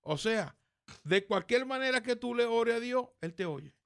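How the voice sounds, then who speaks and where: High gravelly co-host man. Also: moderate pace. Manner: calm, adds scripture points, murmurs agreement. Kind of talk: radio sermon co-host.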